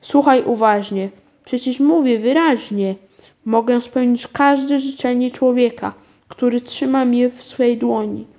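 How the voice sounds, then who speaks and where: A woman reading aloud, voicing a tiny male magic bead with a soft, silvery little voice that turns solemn and urgent. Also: fairly high pitch, measured pace.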